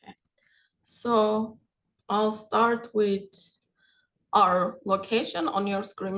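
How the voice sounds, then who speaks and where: A woman advisor with a gravelly edge to her voice gives a steady informational presentation. She walks through practical details clearly over a video call. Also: mid-range voice, low-quality recording. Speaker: international student advisor.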